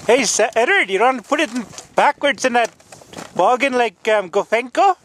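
A man giving casual running commentary while filming a hunting trip in snowy mountains, relaxed and plain, laughing now and then. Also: very high-pitched, normal speed. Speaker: videographer narrating a hunting trip. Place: outdoors in snowy mountains, windy. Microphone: handheld camera mic. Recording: wind noise on a camera mic.

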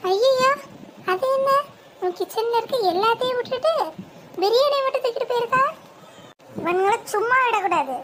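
A performer doing a shrill panicky housewife. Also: expressive, brisk, long pauses, fairly bright tone, slight background noise. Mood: shouting. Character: excitable housewife, older sister-in-law.

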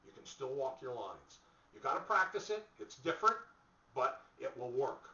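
A man's voice: mid-range voice, big pitch swings, normal speed, sharp tone. A middle-aged man gives plain-spoken coaching tips in an instructional video, seated indoors and talking to a webcam. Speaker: bowling instructor. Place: small indoor room, seated in a chair. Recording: echoey room, distant mic, dull lo-fi sound.

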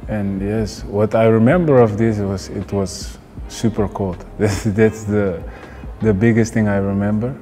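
A young man in his twenties from the Netherlands with a Dutch accent, a footballer giving casual interview answers in a relaxed, hesitant way with many fillers. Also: lowish voice, a little slow, soft background music. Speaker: football player. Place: indoor hotel room.

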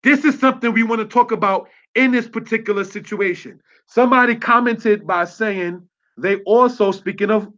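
A man's voice: high voice, a bit bright, highs cut off. A man giving a religious teaching in a preachy, streetwise way, often checking with "you understand?".

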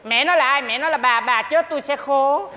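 An actor playing a cheeky, stingy rural older husband, arguing in a stage comedy sketch. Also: male voice, extremely high pitch, moderate pace, big-room sound, very noisy. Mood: teasing. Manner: glib, teasing, argumentative.

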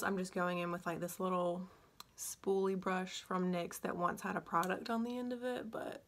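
With a lowish, fairly bright voice, a young woman does a casual makeup tutorial in a room at home, filmed by a phone on a stand at about arm's length. Having just had her wisdom teeth out, she's drowsy and scattered and can barely open her sore mouth as she talks.

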